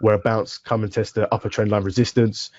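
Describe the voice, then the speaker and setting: A young man speaking as a guest over a video call, his volume dipping and cutting in and out as the connection breaks up, talking in halting restarts. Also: fairly low pitch, level tone, darkish tone, no echo. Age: young adult. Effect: volume drops and cuts in and out as the connection breaks up. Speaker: webinar guest, trader. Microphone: remote video call microphone. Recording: dull lo-fi call audio.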